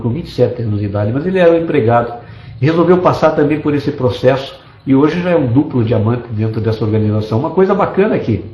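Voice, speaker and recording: A Brazilian man with a medium-pitched, slightly mellow voice gives an online business presentation as a network marketing presenter, enthusiastic and persuasive as he stacks lists of points. Recorded on a desktop computer mic, the audio sounds roomy and lo-fi.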